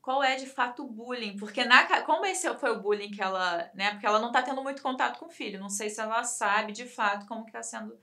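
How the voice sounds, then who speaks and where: A woman with a Brazilian Portuguese accent discussing a case on a talk program, reflective and thinking aloud with pauses. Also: on the high side, sharp tone.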